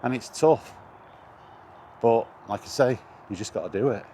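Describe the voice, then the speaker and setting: Outdoor noise comes through clearly as this video game vlogger chats about his hobby in a rambling, casual way. He speaks at normal speed in a mellow, mid-range voice, sounding hesitant and wryly exasperated.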